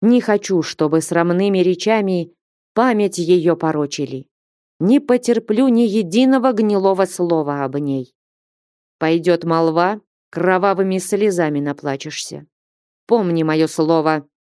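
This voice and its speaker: A woman voicing a stern, grieving old male merchant who scolds and threatens slowly in a storybook reading. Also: lowish voice, warm tone, no echo, clean studio sound, close to an everyday voice. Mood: threatening. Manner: reproachful, threatening.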